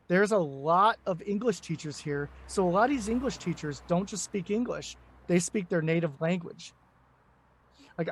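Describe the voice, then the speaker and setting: High-voiced American man chatting loosely. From United States. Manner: rambling, many fillers and restarts. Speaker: guest, English teacher. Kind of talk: casual interview chat. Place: home in Korea.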